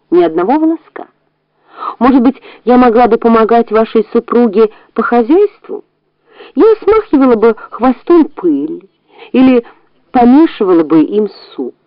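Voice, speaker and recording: A woman putting on a cunning, vain old rat from a storybook, who wheedles and praises herself with a lively, swooping voice. The sound is dull and lo-fi, dry and close. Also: on the high side, measured pace, no room sound. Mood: sly. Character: sly boastful old female rat, vain and touchy. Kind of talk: storybook reading.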